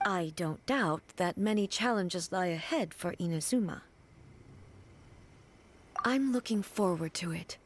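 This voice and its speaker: A woman voicing a solemn, duty-bound ruler goddess in a video game, speaking formally and with measured gravity. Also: lowish voice, lively intonation, a little hiss or hum. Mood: resolute, formal. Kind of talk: dramatic video game voice acting. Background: faint music.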